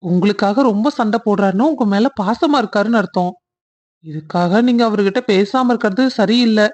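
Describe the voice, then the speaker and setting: A woman voicing a kind young man in a cartoon love story who speaks earnestly and reassures gently. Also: mid-range voice, fairly quick, natural voice.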